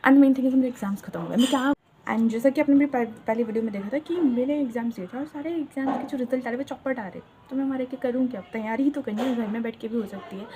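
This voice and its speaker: A woman's voice: fairly high pitch, quick pace, background noise. A young woman from Uttarakhand chatting casually to her channel, switching between Hindi and English with dramatic asides. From Uttarakhand, India. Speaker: vlogger.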